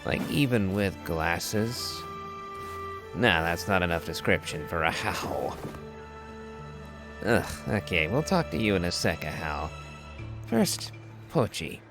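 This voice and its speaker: A man talks through a video game in a dry, sarcastic way. His voice is low and unhurried. Game music plays loudly underneath. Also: very animated. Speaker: gameplay streamer. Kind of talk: casual gameplay commentary.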